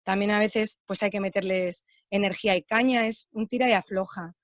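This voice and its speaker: A woman who teaches gives an earnest, measured comment in an online workshop. Her voice sits at an everyday middle pitch. The recording is dry, with no room sound. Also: steady tone, dry recording.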